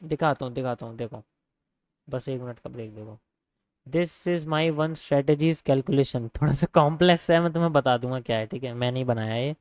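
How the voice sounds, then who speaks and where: A man's voice: medium pitch, normal speed, darkish tone, no echo. A young man giving a casual live lesson on trading, repeating his points and calling viewers bro. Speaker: trading teacher.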